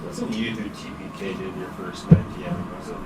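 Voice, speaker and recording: A man's voice: fairly low pitch, flat delivery, a little fast, over loud music. A man chatting casually and calling his moves as a player in a tabletop role-playing game. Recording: roomy, distant mic, clear background noise.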